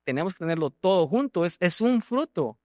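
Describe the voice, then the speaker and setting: A man's voice: high-pitched, sing-song, a little fast, no echo, studio quality. A male pastor with a Guatemalan Spanish accent preaching a sermon, asking the congregation questions and often repeating words. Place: church.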